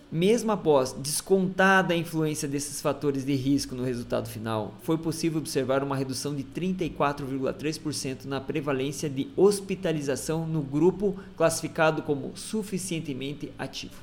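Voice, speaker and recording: A man reads a news article about a health study aloud, adding casual asides and restarts as he explains it. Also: on the high side.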